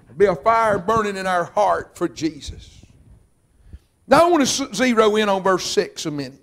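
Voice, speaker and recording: Fervent preacher with a high voice. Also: male voice, animated. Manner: fervent, shouting at peaks, drawn-out emphatic phrases. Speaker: revival preacher. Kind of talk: sermon. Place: church sanctuary.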